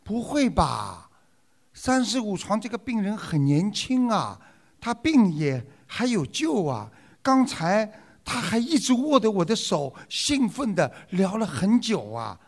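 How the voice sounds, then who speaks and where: Skeptical female nurse, voiced by a male joke teller, unhurried. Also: high-pitched, wildly swooping pitch, voice pushed up, exaggerated voice. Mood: doubtful. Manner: protesting. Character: young woman nurse, doubtful.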